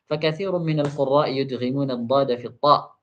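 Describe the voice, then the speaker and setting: A male Quran recitation teacher, pitched in a plain middle range. He walks through each rule patiently, repeating examples slowly and reciting Arabic lines quickly. The sound comes through a dull, muffled online connection. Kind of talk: tajwid lesson explaining an Arabic text.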